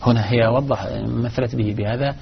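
A man teaching Arabic grammar in a live lesson, explaining in a measured way with frequent restarts. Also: medium pitch, fairly even intonation, creaky, slightly rough. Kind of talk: live lesson answering questions. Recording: dull lo-fi recording.

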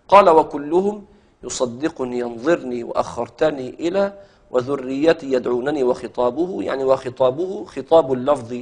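A man giving a lecture as a recitation teacher, explaining step by step and chanting verse lines slowly. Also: on the high side. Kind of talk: lecture explaining a classical poem.

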